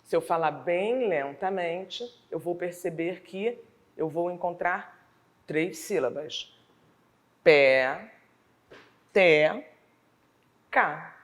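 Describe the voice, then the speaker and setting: A woman teacher from Brazil with a Rio de Janeiro accent, explaining a school lesson slowly and deliberately, sounding out words syllable by syllable. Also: lowish voice. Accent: Rio de Janeiro Portuguese.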